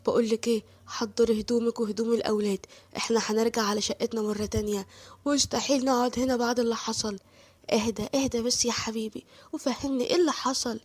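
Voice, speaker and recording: A loyal young husband with an Egyptian accent, firm and protective of his wife, as a woman narrator plays him. He talks quickly in a fairly high voice. The recording is dry. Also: fairly even intonation, breathy edge, dry recording. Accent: Egyptian Arabic.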